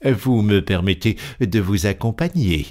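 A man's voice: lowish voice, a little slow, darkish tone, close to an everyday voice. A man reading aloud, voicing a wary police inspector in an audiobook, raising his voice in incredulous questions.

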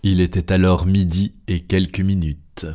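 A male narrator with a very deep voice reads a classic novel at an unhurried pace. His delivery is steady and deliberate, in an audiobook style.

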